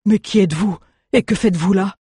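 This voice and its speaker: A storyteller voicing an anxious, excitable adult townsman who exclaims in alarm. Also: medium pitch, a little fast, breathy edge, no echo, studio quality, voice pushed up. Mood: agitated. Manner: agitated, exclaiming.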